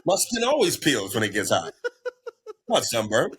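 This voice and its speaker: A man's voice: mid-range voice, huge pitch swings, moderate pace, a bit bright. A man talking as a podcast guest in casual conversation, dropping short quips and often laughing as he speaks. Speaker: guest, rapper.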